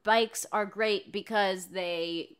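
A woman co-hosting a podcast, chatting casually and teasing her husband in an excitable, animated way. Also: medium pitch, slow, clean tone. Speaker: podcast co-host.

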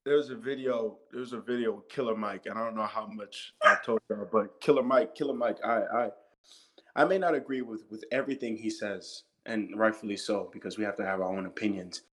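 A man's voice: on the low side, a little fast, fairly bright tone, poor audio. American guy in his 30s on a podcast, heated and emphatic, repeats himself, swears a lot. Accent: American English. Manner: emphatic, repetitive, swears freely. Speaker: podcast co-host. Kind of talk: impassioned casual discussion.

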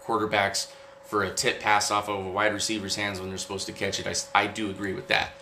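A man talking football casually as a podcast host, halting and repeating himself, opinionated and loose with swearing. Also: lowish voice, monotone, sharp tone. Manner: halting, repetitive, profane, opinionated. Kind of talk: casual football recap chat. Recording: roomy echo, faint background noise.

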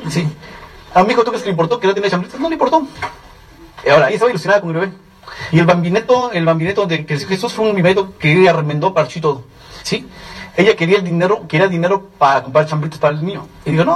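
A middle-aged Mexican man speaks to a seminar crowd in a slightly high, husky voice. He rattles through his story at a rapid pace and keeps checking in with the room. He sounds a little distant from the microphone. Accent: Mexican Spanish. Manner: rapid, animated storytelling with frequent "¿sí?" check-ins. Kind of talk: testimonial speech to an audience.

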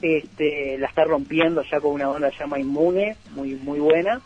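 A man's voice: on the high side, fairly even intonation, normal speed, a little mellow. A man, a guest on a radio show, talking through bands with many fillers and restarts. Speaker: music label guest. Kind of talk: radio interview talk. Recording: dull lo-fi radio sound.

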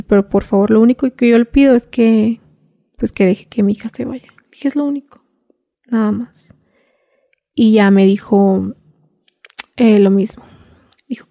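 A woman with a Mexican Spanish accent, a guest telling her own story in a conversational way, replaying the exchanges through quoted dialogue and at times dropping to a hush. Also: a little high, dry recording. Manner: retells events through quoted back-and-forth dialogue, often 'le dije'. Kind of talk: conversational first-person account.

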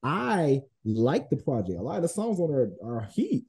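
A man's voice: fairly high pitch, very animated, moderate pace, darkish tone, slightly rough. A man talking in casual podcast chat, his voice muffled as if heard through a wall, emphatic and repeating his words. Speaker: podcast co-host.

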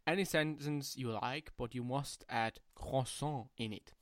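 A man's voice: mid-range voice, fairly bright tone, dry recording, studio quality. A man co-hosting a podcast, reading out listener questions in casual chat and laughing often. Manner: slow, measured, laughs often.

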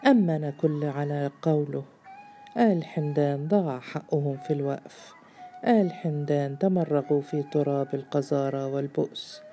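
A woman narrating a literary novel in a measured storytelling manner. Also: deep voice, dark tone. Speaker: audiobook narrator.

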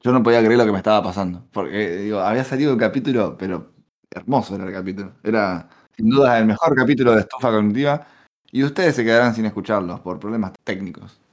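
A man with a Rioplatense accent talks in a lowish voice, teasing his co-host and cursing freely. The tone is loose, casual podcast banter. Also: fast talker. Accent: Rioplatense Spanish. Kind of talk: casual chat.

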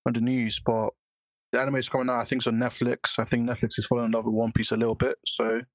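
A man's voice: medium pitch, completely flat delivery, quick pace, no room sound. A male podcast co-host talks. His delivery is informal and slangy, recorded very dry without room sound. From Britain. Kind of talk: casual podcast chat.

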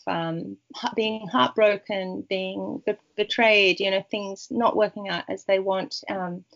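A Peruvian woman author, a native Spanish speaker, appears as a guest in a casual interview, talking warmly and ramblingly with many restarts. Her voice is medium-pitched, and the recording sounds muffled.

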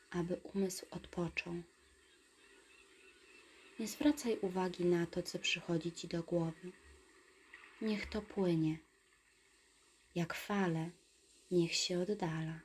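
A woman guiding a meditation in a soft, soothing whisper, giving calm instructions. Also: lowish voice, a little hiss or hum. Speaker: meditation guide.

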